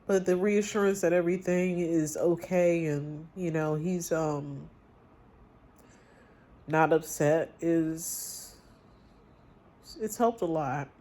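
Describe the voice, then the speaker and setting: Reflective woman vlogger with a mellow voice. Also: sits low. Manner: reflective, halting, trailing pauses. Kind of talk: candid personal vlog, confiding talk.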